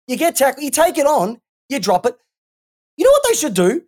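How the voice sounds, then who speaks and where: A woman's voice: high-pitched, huge pitch swings, brisk, a little mellow. A woman with an Australian accent co-hosting a casual sports podcast, ranting and swearing freely. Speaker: podcast co-host.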